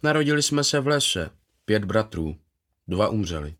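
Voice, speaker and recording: A man voicing an eager, gentle fifty-something man. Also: lowish voice, big pitch swings. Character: gentle content man in his fifties, former footballer. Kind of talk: voiced character in a read story.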